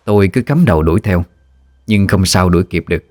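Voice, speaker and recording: Deep male storyteller, measured ghost-story read, dry booth sound. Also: darkish tone, no echo. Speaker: narrator.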